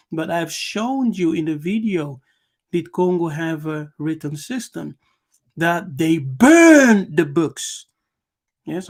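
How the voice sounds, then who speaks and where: Slow, gravelly-voiced man lecturing. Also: high voice, a little mellow. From Angola. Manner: emphatic, repeats words and punctuates with "yes". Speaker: channel host. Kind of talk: lecture, reading passages aloud and commenting.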